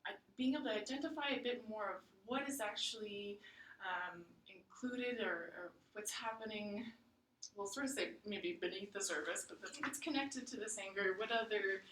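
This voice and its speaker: A woman counselor with a bright, forceful tone speaks gently and reflectively, padding her summaries with frequent ums. She sounds set back from the mic in an echoey room, with a faint hiss under her voice. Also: medium pitch, normal speed, recorded from a distance. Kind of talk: practice counseling session.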